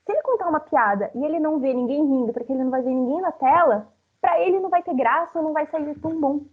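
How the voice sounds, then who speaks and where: A woman's voice: high-pitched, fast talker. A young woman in her twenties from Brazil giving a live talk, chatting directly with her audience. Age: 20s. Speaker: speaker. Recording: phone-like narrow sound.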